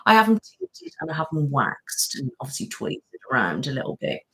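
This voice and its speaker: This live-streaming host has a very deep, slightly bright voice with a sing-song lilt and a brisk pace. She chats from home at length in a rambling way, replying to comments from her viewers.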